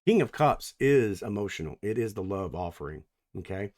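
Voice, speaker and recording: Guy doing a tarot reading on camera, chatty and goofy, kinda low voice, gets loud then quiet. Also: sing-song, normal speed. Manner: chatty, playful, rambling, swings between loud and soft. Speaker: tarot reader.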